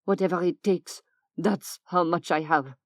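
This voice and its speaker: A woman's voice: lowish voice, steady tone, measured pace, dry recording. A grim, curt female vampire, speaking short and firm, done by a woman narrating an audiobook. The sound is dry and close.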